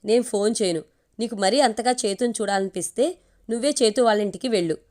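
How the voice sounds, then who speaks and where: A middle-aged mother speaks with gentle teasing and steady tenderness, as a woman reads her lines in a storybook. The voice stays at a plain middle pitch. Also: fast talker, natural voice.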